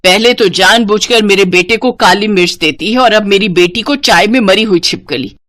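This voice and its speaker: A woman's voice: normal speed, fairly bright tone, no echo, lightly acted. A woman voicing a stern middle-aged mother-in-law who scolds her daughter-in-law. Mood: scolding. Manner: scolding, low and heavy.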